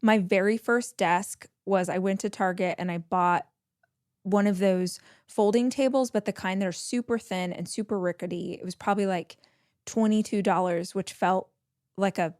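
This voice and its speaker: A woman's voice: mid-range voice, steady tone, normal speed, a little mellow, dry recording, clean studio sound. Bubbly, chatty woman podcast host. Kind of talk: casual solo podcast talk.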